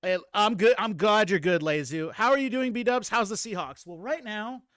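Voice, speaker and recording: A man in his late thirties chats loosely on a livestream, rambling and breaking into laughs as he greets viewers. His voice sits a little high. The sound is close and dry. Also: moderate pace, a bit bright, dry recording. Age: 30s. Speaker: streamer host. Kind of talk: casual chat.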